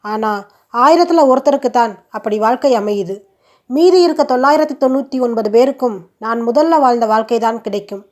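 Brief: woman reading as a possessive young suitor, persuasive and teasing, high voice. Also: fairly quick, close to an everyday voice. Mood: earnest.

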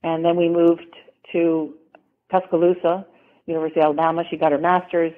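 A middle-aged woman from the American South who used to model rambles and laughs frequently while chatting as a casual interview guest. She talks fairly quickly on the low side with little pitch movement, over tinny phone-line audio.

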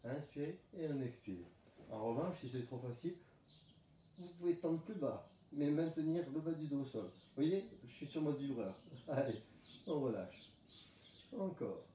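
A man leading a home pilates class, calmly calling out breathing cues and movements. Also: on the high side, a little slow, slight background noise. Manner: calm coaching cues, breath counting. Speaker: pilates instructor. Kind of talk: guided workout instruction. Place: room at home. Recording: roomy, distant camera mic.

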